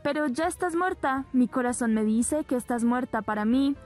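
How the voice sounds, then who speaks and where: A woman reading the lines of a heartbroken young man in a plain, flat way. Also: high-pitched, moderate pace, faint music behind, lightly acted. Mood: bitter.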